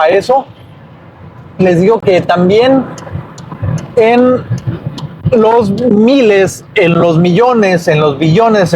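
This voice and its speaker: A man teaching numbers in a casual video lesson, slow and hesitant, often correcting himself. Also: high voice, darkish tone, poor audio. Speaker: language teacher. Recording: faint background noise.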